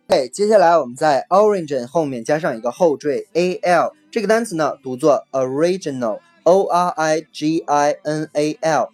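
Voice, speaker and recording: A vocabulary teacher giving a recorded lesson, patiently explaining, repeating each key word twice and spelling it out slowly letter by letter. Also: medium pitch, a little mellow. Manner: spells words letter by letter, slow and deliberate.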